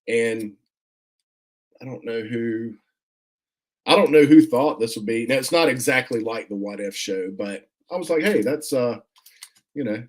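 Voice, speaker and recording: A man's voice: medium pitch, unhurried, long pauses. Easygoing man chatting over an unboxing. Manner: relaxed, rambling, many fillers and restarts; friendly, thanks viewers often. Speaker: comic collector vlogger, host. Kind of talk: casual unboxing chat, reading viewer comments.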